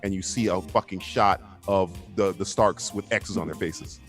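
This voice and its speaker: A man's voice: low voice, normal speed, soft background music. Foul-mouthed man arguing hard. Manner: animated, swears a lot, acts out quotes. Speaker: co-host. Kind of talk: heated casual debate. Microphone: video call.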